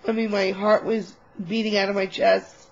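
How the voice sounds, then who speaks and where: A woman vlogger telling a personal story in a casual, animated, candid way, swearing now and then, on a webcam mic. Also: mid-range voice, moderate pace, highs cut off.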